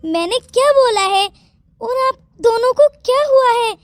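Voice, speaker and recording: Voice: extremely high pitch, animated, a little slow, a little hiss or hum, exaggerated voice. A voice actor playing a two-faced young daughter-in-law in a Hindi cartoon story, sugary in front of guests. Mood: sweet. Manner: sugary and polite.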